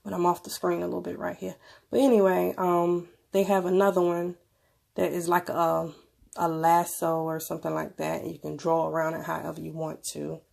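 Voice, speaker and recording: A woman video presenter talks through a casual gadget review. Her voice is on the low side, with a lot of gravelly fry, and she sounds stuffed up with a cold. Her delivery is informal and conversational. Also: completely flat delivery, moderate pace, darkish tone. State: sick with a cold, stuffy nose. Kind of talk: casual tech review narration.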